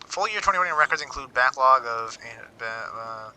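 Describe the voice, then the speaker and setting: Reading off figures and wryly mulling them over, a man livestreams casually, repeatedly stopping himself and doubling words mid-sentence. His mid-range voice is animated, bright, forceful, clear and resonant, at a normal speed. The recording quality is low.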